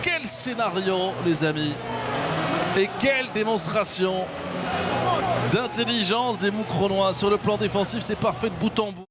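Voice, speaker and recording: A man's voice: sits high, a little slow, loud music behind the voice. A man with a Belgian French accent doing emphatic, rhetorical live football commentary. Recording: loud crowd noise behind commentary. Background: stadium crowd.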